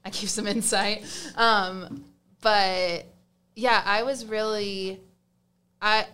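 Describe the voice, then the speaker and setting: A woman's voice: lowish voice, sharp tone, slight background noise. A young woman with a Southern US accent, chatting as a guest in a casual interview, with lots of fillers and restarts.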